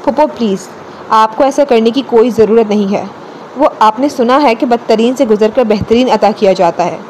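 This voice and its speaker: A woman's voice: a little high, darkish tone, slight background noise, natural voice, poor audio. A woman narrator voicing a playful, talkative young wife in an audiobook story. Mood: gentle. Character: chatty teasing young wife.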